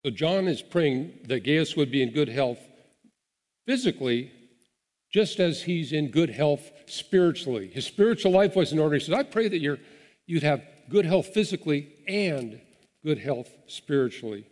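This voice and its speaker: A man's voice: fairly high pitch, animated, moderate pace, darkish tone. A man preaching a sermon as pastor, earnest and encouraging, with small restarts as he talks. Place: church sanctuary. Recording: long hall reverb.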